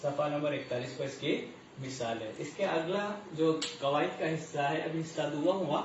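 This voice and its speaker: A man with a fairly high voice teaches grammar, going slowly over each term and answering his own questions. The audio is muffled, echoey and distant, with faint room noise in the background.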